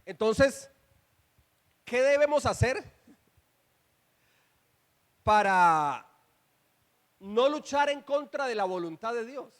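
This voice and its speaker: A man's voice: extremely high pitch, animated, slow, long pauses, a bit bright. A male pastor preaching a sermon in church, firing rhetorical questions at the congregation and calling on them to repeat after him. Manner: emphatic, calls for response and repetition.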